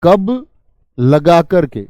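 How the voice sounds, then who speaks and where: A man's voice: a little high, extremely slow, mellow, no room sound, dull audio. A man teaching an online grammar class. He keeps asking his students questions and then answers them himself. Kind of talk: online exam-prep grammar lesson.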